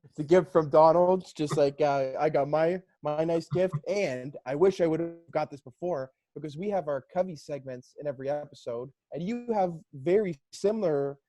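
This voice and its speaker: A man's voice: a little high, normal speed, warm tone. A young man hosting, chatting casually and cheerfully, laughing often. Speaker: host. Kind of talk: casual video call chat.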